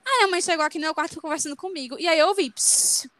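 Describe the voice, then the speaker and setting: A woman's voice: very high-pitched, rapid-fire, fairly bright tone, no room sound. A young woman, co-hosting a podcast and reacting expressively to stories. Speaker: podcast co-host. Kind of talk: casual podcast chat.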